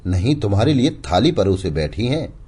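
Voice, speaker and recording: A man voicing a sharp-tongued young village wife with a taunting, biting manner. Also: on the low side, sing-song, moderate pace, husky, pitched above the performer's own voice.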